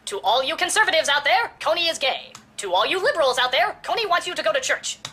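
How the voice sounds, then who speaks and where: A woman's voice: expressive, quick pace, sharp tone. A woman playing an earnest, overwrought narrator of a campaign video in a comedy sketch. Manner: earnest, escalating into shrill.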